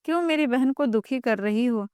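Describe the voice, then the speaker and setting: A woman's voice: fairly high pitch, expressive, moderate pace, darkish tone, smooth, no echo, clean studio sound, natural voice. A woman voicing a harsh husband who speaks in a stern, commanding way. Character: harsh husband siding with his sister.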